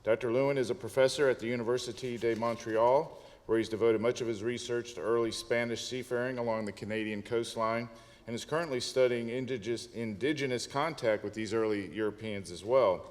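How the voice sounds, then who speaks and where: A man moderating a conference, reading a formal introduction in a measured way. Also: mid-range voice, steady tone. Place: conference hall. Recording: hall reverb.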